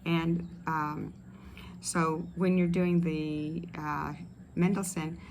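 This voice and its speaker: A woman speech pathologist leading voice and swallowing exercises in a relaxed, explanatory way with many fillers. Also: deep voice, extremely slow, gravelly, a little hiss or hum. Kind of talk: instructional exercise video. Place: outdoors in a tropical setting. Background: ambient outdoor sounds with birds.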